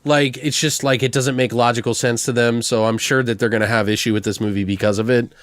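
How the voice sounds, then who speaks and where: A man's voice: medium pitch, steady tone, fast, no room sound. A man co-hosting a podcast, chatting loosely about a film and swearing freely. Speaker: podcast co-host. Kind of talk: casual film review chat.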